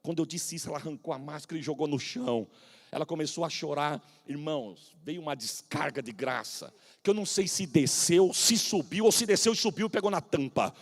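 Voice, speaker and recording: A Brazilian man in his forties, a pastor preaching a sermon, swinging between shouted proclamation and hushed, humorous storytelling. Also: on the high side, a little fast, big-room sound. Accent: Brazilian Portuguese. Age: 40s. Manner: humorous, folksy anecdotes.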